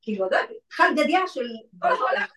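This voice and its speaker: A woman's voice: high-pitched, crowd noise. A woman who works in legal aid, telling a story in casual chat and acting out the voices of the people in it. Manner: animated, acts out quoted voices. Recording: echoey room from far off.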